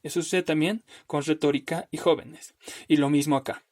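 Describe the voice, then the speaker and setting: A man teaching a recorded spelling lesson over slides, patient and step by step, often checking in with "¿no?" and slowly drawing out words to show where the stress falls. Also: on the high side, steady tone, darkish tone. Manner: patient, explains step by step with frequent "¿no?".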